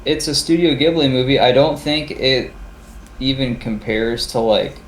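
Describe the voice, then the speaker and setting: A man's voice: mid-range voice, unhurried. Man, podcast co-host, casual rambling chat, swears a lot, faint background hiss. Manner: rambling, profane, acts out reactions. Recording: roomy echo.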